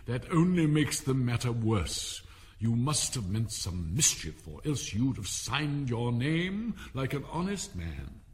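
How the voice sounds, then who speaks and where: A man's voice: mid-range voice, very animated, slow pace. A man playing a pompous, self-satisfied old king in a storybook, emphatic and blustering. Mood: stern, grave. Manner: emphatic, pompous, pondering aloud.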